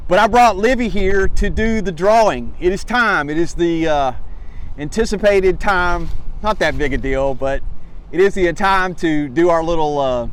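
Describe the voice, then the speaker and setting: A man's voice: moderate pace, clear, resonant tone. A man hosting a casual hiking vlog outdoors, talking in a folksy, rambling, self-effacing way. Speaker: host of a hiking channel. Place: outdoors by a lake in cold wind. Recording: noisy outdoor audio with vehicle rumble.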